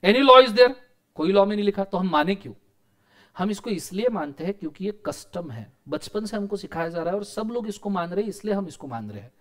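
A man with an Indian accent teaches a class in a lively, animated manner. His voice sits high for a man. He keeps asking his students whether things are clear and acts out quoted lines as he goes. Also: fast.

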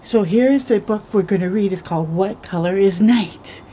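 A middle-aged woman with a mid-range voice hosts a children's storytime outdoors on a porch or yard in the early morning, reading a picture book aloud with little asides. Her slow, expressive delivery is full of gasps and drawn-out words. A camera close by picks her up, along with a little hiss or hum.

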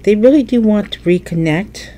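At a table indoors, hands alone in view, a stuffy-nosed tarot reader turns cards and ponders aloud in an easygoing reading. The voice is mid-range and dark in tone, expressive, and delivered at a normal speed.

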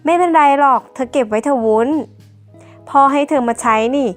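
A gentle, earnest young woman singer in an audio drama, voiced by a woman reader. The voice is soft and high, with faint music playing. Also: brisk, close to an everyday voice.

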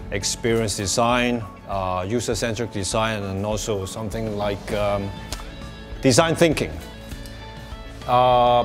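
Man from Hong Kong giving a talk. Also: on the low side. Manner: plain and measured, with many filler pauses. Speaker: guest speaker. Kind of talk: presentation talk. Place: small meeting room with projector.

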